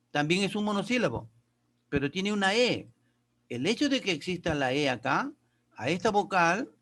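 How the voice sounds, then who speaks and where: A male teacher with a slightly raised voice walks his pupils through grammar and pronunciation one step at a time. He reads English sentences aloud slowly and deliberately. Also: on the high side, fairly bright tone. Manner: explains step by step, addresses pupils as kids. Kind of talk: classroom lesson.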